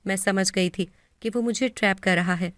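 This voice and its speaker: A woman with a Pakistani Urdu accent narrating a first-person moral story in a steady, earnest way. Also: medium pitch, no room sound, studio quality.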